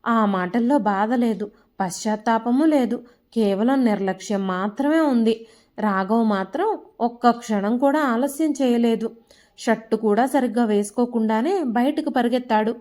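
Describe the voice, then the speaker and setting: A woman storyteller giving calm, measured narration of an emotional family story. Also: on the high side.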